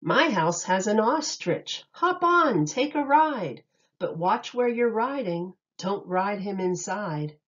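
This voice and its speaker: The audio is slightly muffled and lo-fi as a woman teacher reads a rhyming picture book to children. She goes slowly, with a lively sing-song pitch and clearly separated phrases.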